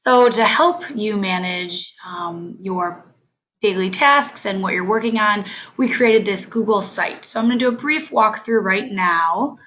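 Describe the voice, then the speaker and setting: An off-campus study coordinator, hoarse from illness, guides trainees through a webinar in a medium-pitched voice that stays bright and forward despite being sick. She speaks haltingly, with many fillers between phrases. The audio is dull and lo-fi, like a computer mic on a call.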